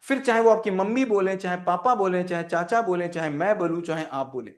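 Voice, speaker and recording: Mentor, male, high voice, emphatic and repetitive, quizzes his students. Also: a little fast. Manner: emphatic, repeats key phrases, asks the class questions. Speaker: mentor teaching teens. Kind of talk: lively spoken lesson to students.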